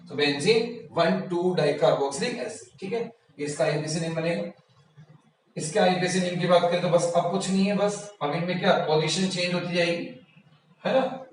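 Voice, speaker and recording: A man teaching a chemistry lesson, repeating key terms and asking himself rhetorical questions, recorded in a room from a distance. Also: fairly high pitch. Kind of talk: classroom lecture. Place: classroom or coaching room. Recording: very echoey room, mic at a distance, faint noise.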